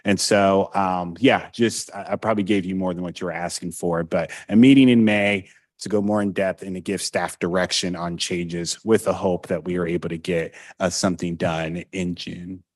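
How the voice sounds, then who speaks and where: A man with a low, weighty baritone chairs a committee meeting. He speaks in a measured, semi-formal way, moving through procedure. The sound is close and dry. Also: steady tone, no room sound.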